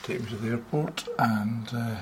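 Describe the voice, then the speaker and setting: A man's voice: mid-range voice, normal speed, noisy background. A man talking casually about his journey as a travel vlogger. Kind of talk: casual travel vlog talk.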